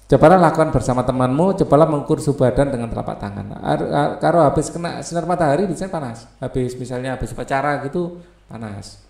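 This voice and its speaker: Male teacher, gravelly, mid-pitched, roomy echo. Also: fast talker, darkish tone. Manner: reads text aloud, then explains in loose asides. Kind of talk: explaining a textbook lesson.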